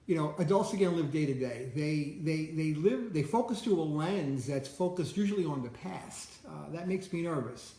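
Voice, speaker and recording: A man's voice: fairly high pitch, lively intonation, moderate pace, few pauses, mellow, reverberant. A man talking casually in a rambling monologue, often repeating words as he starts sentences. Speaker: host.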